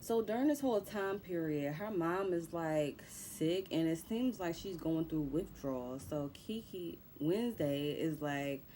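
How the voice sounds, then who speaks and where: A woman's voice: low-pitched, lively intonation, a little slow, hardly any pauses, warm tone, a little hiss or hum. A young woman casually recapping a movie plot in loose, profane slang. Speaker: movie reviewer.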